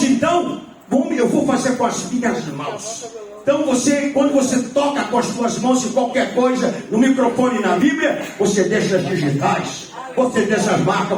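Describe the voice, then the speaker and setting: A male pastor delivering a lively sermon, his voice unusually high and ringing. He shouts at his peaks and slips into jokes and little stories. The sound is cavernous and taken from a distance, with faint room noise behind. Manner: animated preaching with shouted peaks and humor. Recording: very echoey hall, mic at a distance.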